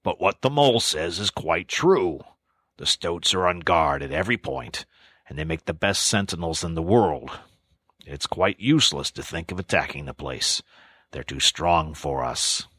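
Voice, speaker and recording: A grave old badger who speaks with weight and authority, low and deliberate as a man puts him on. His voice is deep and dry, recorded close with no room around it. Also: lively intonation, a bit bright, no room sound, heavily acted. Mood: gentler stern. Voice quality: gruff, severe, measured. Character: stern, wise old male badger. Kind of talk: audiobook character voice.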